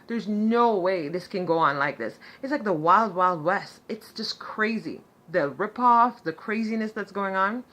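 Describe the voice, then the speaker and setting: A woman telling a story in a casual vlog, chatty and animated, full of fillers and sarcastic asides. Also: mid-range voice, unhurried, few pauses. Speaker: vlogger.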